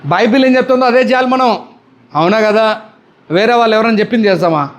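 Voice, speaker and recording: Man, Telugu accent, pastor, sermon, high voice, questions the congregation. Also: fast. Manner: questioning the congregation, demanding answers.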